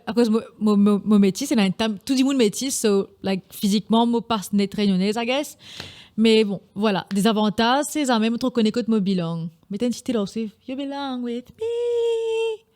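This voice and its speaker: A young woman with a Mauritian Creole accent hosts a casual solo podcast, her medium-pitched voice darkish in tone and her pace brisk. She's chatty and often slips English phrases into her talk.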